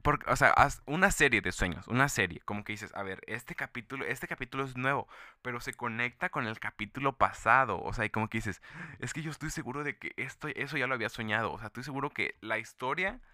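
Young Mexican man, casual podcast host, rambling and chatty; clear bright tone, dry close sound. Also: mid-range voice, fast talker, no echo. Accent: Mexican Spanish. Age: young adult. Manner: rambling, full of fillers and restarts. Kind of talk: casual monologue.

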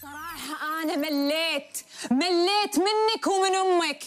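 Whiny fed-up wife. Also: female voice, extremely high pitch, fairly even intonation, a little slow, soft background music. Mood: petulant. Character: fed-up young wife in a TV sketch.

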